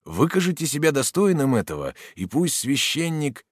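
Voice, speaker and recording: A man voicing a grave, formal doctor who gives measured, cautious warnings. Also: mid-range voice, big pitch swings, no room sound, clean studio sound, pitched above the performer's own voice.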